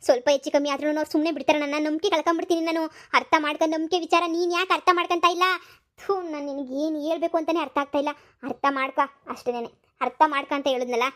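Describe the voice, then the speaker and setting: A woman voicing a stern, hard-up young husband who works as a delivery man, scolding fast in a cartoon comedy. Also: high voice, fairly even intonation, fairly bright tone, no room sound, studio quality. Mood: pleading. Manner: scolding, lecturing, fast and insistent.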